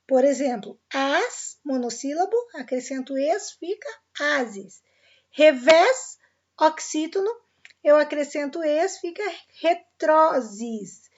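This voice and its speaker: A woman's voice: sits high, animated, slow, muffled recording. A woman teacher with a Brazilian Portuguese accent gives a recorded grammar lesson, explaining patiently and often checking that her class is following. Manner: patient, checks in with "tranquilo?" and "pessoal".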